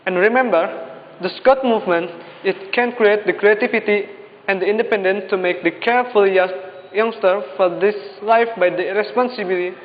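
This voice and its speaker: A man's voice: high voice, normal speed. A young man with an Indonesian accent delivers a memorized competition speech in a formal, declamatory, exhortative manner. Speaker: speech contestant. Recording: dull lo-fi, echoing hall, faint noise.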